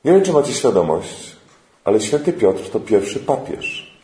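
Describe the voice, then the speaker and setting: A man preaching a sermon, retelling Bible scenes in a lively storytelling way and acting out the characters' lines. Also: on the low side, moderate pace, echoey room, poor audio.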